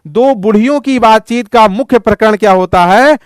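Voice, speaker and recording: A male teacher chats through a lesson, joking and teasing his students. His voice is high and clear. The sound is dry and close. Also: normal speed, dry recording. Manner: playful, teasing, asks students questions. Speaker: Hindi teacher. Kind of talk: casual lesson explanation.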